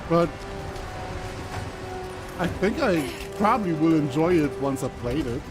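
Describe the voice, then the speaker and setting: A male game streamer with a slightly high voice, talking very slowly. His commentary is casual, musing and hesitant, with game music behind him. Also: lively intonation. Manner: hesitant, laid-back, musing. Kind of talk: casual live playthrough commentary. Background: game soundtrack.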